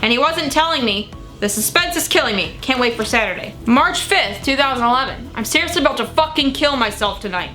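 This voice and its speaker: A young woman with a bright, rather high voice reads her teenage diary aloud. She is theatrical and gushing, exclaiming and dropping into blunt, sweary asides. Music plays behind her. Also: animated, a little fast. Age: young adult. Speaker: vlogger. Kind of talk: reading old teenage diary entries aloud with casual commentary.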